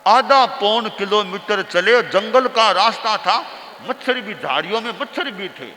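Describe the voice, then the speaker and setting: High, slow-speaking male preacher. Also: expressive, sharp tone, long reverb tail, a little hiss or hum, low-quality recording. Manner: slow, repetitive phrasing for emphasis. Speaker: spiritual teacher giving a discourse. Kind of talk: sermon with storytelling.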